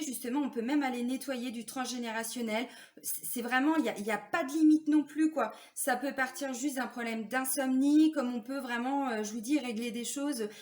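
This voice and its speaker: Speaking to camera in a casual, confiding way, a woman who works as a spiritual therapist addresses her viewers. Her voice sits high, and her talk is packed with fillers and tag questions.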